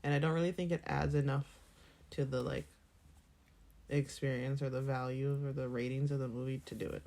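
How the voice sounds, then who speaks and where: A woman's voice: very deep voice, steady tone, a little fast, mellow. A young woman co-hosting a podcast, chatting in a jokey, chatty way. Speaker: podcast co-host. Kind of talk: casual chat.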